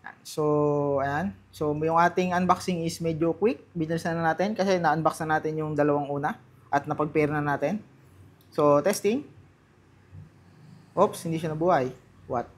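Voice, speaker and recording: A Filipino man, his voice a little high with fairly even intonation, speaks at a moderate pace while casually unboxing and testing items. His commentary is informal and aimed straight at viewers, blending Tagalog and English.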